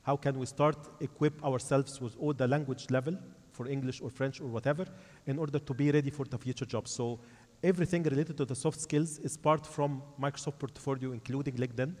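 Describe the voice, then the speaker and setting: A man's voice: medium pitch, steady tone, brisk, a little mellow. A man giving an explanatory panel answer as a company representative, repeating and rephrasing his phrases. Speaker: corporate panelist speaking for a tech company. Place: large conference hall. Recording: echoey hall with long reverb.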